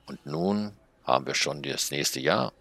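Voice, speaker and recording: A man's voice: rumbling low, very animated, measured pace, gravelly, fairly bright tone, exaggerated voice. A man voicing a small grey female magic snail in a read-aloud story, in a raised, scolding voice. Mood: nagging. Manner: scolding, insistent.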